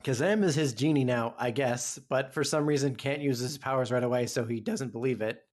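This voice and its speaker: A man co-hosting a podcast, chatting casually about a movie, wry and quick to laugh. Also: mid-range voice, darkish tone. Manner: wry, laughs often, sums up plot. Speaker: podcast co-host.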